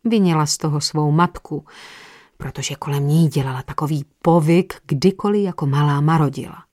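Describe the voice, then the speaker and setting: Expressive woman narrating an audiobook. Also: sits low, no room sound, studio quality. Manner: expressive, changes voices for characters. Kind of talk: scripted narration.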